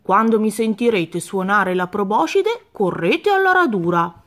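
A woman voicing a cheerful, friendly young male patchwork elephant in a storybook reading, with a bright, upbeat manner. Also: medium pitch, expressive, unhurried, lightly acted.

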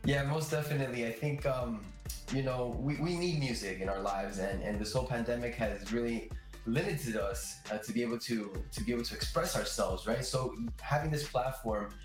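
A man's voice: medium pitch, moderate pace, soft background music. A young man from Miami, a percussionist guest, talking casually over a video call from home with many fillers. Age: young adult. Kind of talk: casual interview. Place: room at home. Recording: roomy video-call audio.

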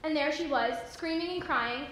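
A woman's voice: sits high, normal speed, fairly bright tone. Woman playing a troubled runaway girl, echoey hall. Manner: earnest, confessional storytelling. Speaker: stage actor. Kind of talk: theatrical monologue. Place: library hall, live performance. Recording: echoey room, faint hiss.

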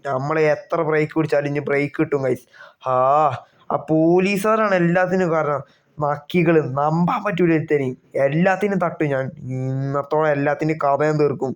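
Young gaming youtuber guy, goofy animated commentary, highish voice, super clean. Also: clean tone. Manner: animated, comic, often yelping and exclaiming. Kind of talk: gameplay commentary with role-play.

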